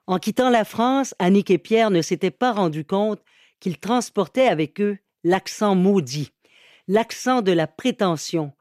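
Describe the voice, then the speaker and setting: A man reading an audiobook excerpt in a measured, even narration. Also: sits high, no echo, studio quality. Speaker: audiobook reader. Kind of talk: scripted narration.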